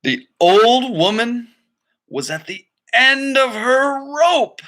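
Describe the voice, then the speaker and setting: A man's voice: very high-pitched, animated, slow, a bit bright. A man reading a children's story aloud expressively, with dramatic phrasing and casual asides. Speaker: storybook reader.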